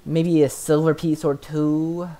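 A man's voice: on the high side, little pitch movement, slow pace, warm tone, pitched above the performer's own voice. A man voicing a male snake-folk trader in a raised, clipped bargaining voice.

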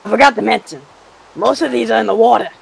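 A young man with a raspy voice, chatting casually while hosting a game challenge. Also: high-pitched, fast. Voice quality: raspy put-on voice. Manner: chatty, reacting to gameplay. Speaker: host running a game challenge. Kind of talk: casual gaming commentary.

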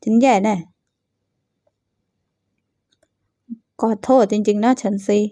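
A woman's voice: mid-range voice, fairly even intonation, fast, mellow, close to an everyday voice. A woman voicing a weak-willed young man who talks evasively and half-apologetically. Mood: apologetic.

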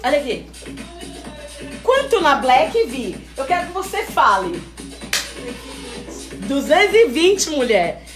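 A high-pitched woman hosting a live sales stream, chatty and teasing as she reads out viewer comments. Her voice rings in an echoey room with faint music behind. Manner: lively, chatty and teasing, calls viewers "mulher". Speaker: host selling wigs on a live stream. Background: faint background music.

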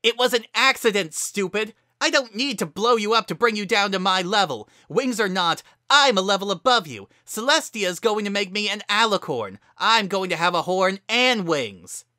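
A narrator doing a proud young pony mare, high and sharp. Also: female voice, big pitch swings, a little slow, few pauses, no echo, studio quality. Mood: angry. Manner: defensive, sharp-tongued. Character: young female pony unicorn student, proud and prickly.

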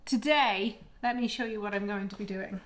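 A woman's voice: medium pitch, normal speed. A woman in her fifties, an artist chatting candidly and reflectively in a casual vlog from her home studio. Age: 50s. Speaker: artist vlogger. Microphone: microphone she moves away from and back to.

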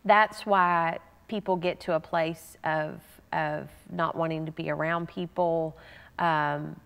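A woman pastor preaching in an earnest, emphatic, conversational way, her voice a little low for a woman. She often restarts her phrases as she presses a point, and a long reverb trails behind her words. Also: steady tone, slow pace, creaky, fairly bright tone, smooth. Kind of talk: conversational sermon.

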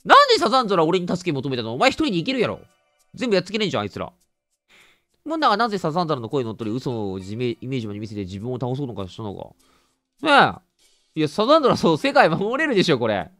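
A man with a Kansai accent giving joking, lively let's play commentary as a game streamer. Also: fairly high pitch, very fast, soft background music. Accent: Kansai Japanese. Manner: joking, exaggerated indignation, lively reactions.

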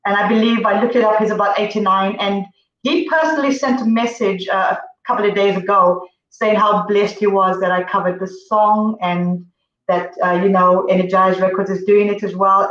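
A woman's voice: mid-range voice, steady tone, normal speed, fairly bright tone. A middle-aged woman from Zambia chats as a guest over a video call, rambling through stories with plenty of fillers. Her voice comes from a distance in a roomy space, and the audio sounds dull. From Zambia, grew up in Zimbabwe. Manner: chatty, storytelling with many fillers. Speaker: guest singer. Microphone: distant laptop mic on video call.

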